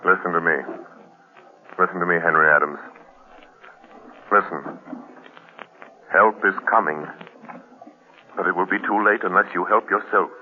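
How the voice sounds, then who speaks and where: The Shadow, a stern vigilante. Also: male voice, low-pitched. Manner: stern and measured, theatrical delivery. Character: grim, commanding male crime-fighting vigilante. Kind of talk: 1940s radio acting. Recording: scratchy, tinny old radio broadcast.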